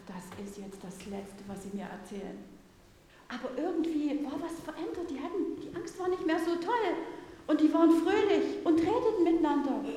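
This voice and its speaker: A woman's voice: high-pitched, darkish tone. A woman preacher playing the doubting apostle Thomas, telling his story in the first person and speaking directly to the congregation. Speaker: preacher in a church service. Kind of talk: first-person role-play sermon. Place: large church. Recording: echoey church hall, faint noise.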